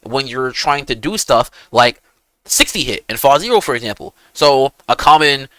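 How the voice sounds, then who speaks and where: A man's voice: mid-range voice, lively intonation, moderate pace, pushed and bright, no room sound. A young man chatting casually on a game livestream in hyped gamer-bro slang, swearing freely. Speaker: game streamer. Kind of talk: casual livestream chat and gaming commentary.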